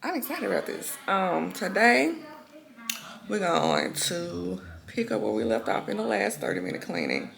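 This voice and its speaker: A woman's voice: medium pitch, huge pitch swings, moderate pace, gravelly, fairly bright tone. A woman hosting her home cleaning vlog, chatting casually to viewers and planning her tasks aloud with a groggy morning voice. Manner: chatty, talks straight to viewers, plans aloud. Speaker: lifestyle vlogger host. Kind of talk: casual chat to camera. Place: home kitchen.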